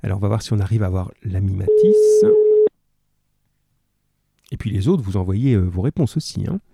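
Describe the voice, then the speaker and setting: A male teacher who reads a literary passage slowly and evenly, then talks to his pupils in a lively, encouraging way. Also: on the low side, creaky, background noise. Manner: slow, measured reading; lively and encouraging with pupils. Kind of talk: literary reading and radio class.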